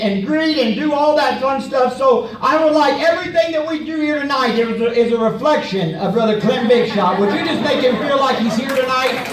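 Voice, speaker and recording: A man playing a bumbling, excitable traveling preacher who rambles and trips over his words, performed live in a comedy sketch. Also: extremely high pitch. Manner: rambling, stumbling over words, comically indignant. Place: stage before a live audience. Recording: echoey hall from far off, audience.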